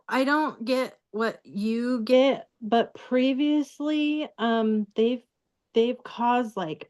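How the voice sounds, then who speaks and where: A woman talking casually as a guest, halting with many fillers and restarts. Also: on the high side. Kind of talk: casual recorded conversation.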